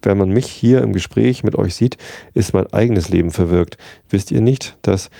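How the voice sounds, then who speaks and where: A man's voice: fairly low pitch, normal speed, vocal fry, dark tone, no echo, clean studio sound. A man reading as an anxious old-west settler.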